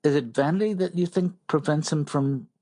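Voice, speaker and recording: A man hosting as a therapist, asking dry, unhurried deadpan questions. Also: fairly high pitch. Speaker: therapist host. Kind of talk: dry therapy-session banter.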